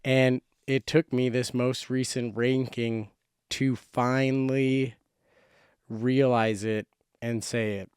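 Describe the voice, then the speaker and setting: A man's voice: medium pitch, flat delivery, slow pace, darkish tone, clear, resonant tone, no echo, studio quality. A man hosting a YouTube sports show from a closet, giving casual, slangy, emphatic commentary in a monologue. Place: small closet indoors.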